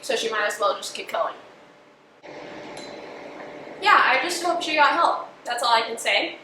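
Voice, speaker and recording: A woman's voice: fairly high pitch, lively intonation, normal speed, bright, forceful tone. A young woman hosting a casual eating show, chatting with her mouth full and saying "like" a lot. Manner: chatty, with frequent "like" and "you know". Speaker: host. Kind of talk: casual chat while eating. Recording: roomy, distant mic with faint noise.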